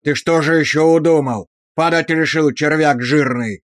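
A savage drill sergeant, put on by a male narrator hurls abuse at his recruits, drawing out every word for weight. The voice sits a little high and the recording is dry and close. He snarls, drags out his commands and keeps the pressure up. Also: no echo, close to an everyday voice. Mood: bellowing. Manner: barking insults, slow hammering emphasis.

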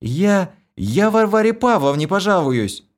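A man voicing a blunt, quick-tempered young woman in a storybook reading. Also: high voice, big pitch swings, pitched above the performer's own voice. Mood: indignant.

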